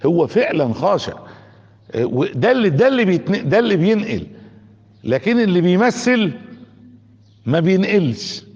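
A man's voice: high-pitched, sing-song, brisk, pauses often, a little mellow, slightly rough. A man with an Egyptian accent preaching a colloquial sermon, throwing rhetorical questions at his listeners and often restarting his words. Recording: dull sound with long hall reverb.

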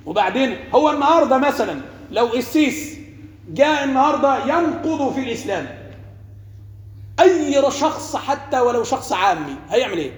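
A man's voice: very high-pitched, sing-song, brisk. A man with an Egyptian Arabic accent, a sheikh giving a religious lesson, asking his listeners rhetorical questions and mixing formal and colloquial speech. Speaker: sheikh and preacher. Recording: echoey hall with long reverb.

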